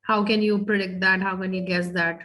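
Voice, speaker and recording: A woman's voice: mid-range voice, flat delivery, brisk, a bit bright. A woman teaching French over a video call, explaining each phrase in English and quizzing her students. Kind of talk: online class teaching.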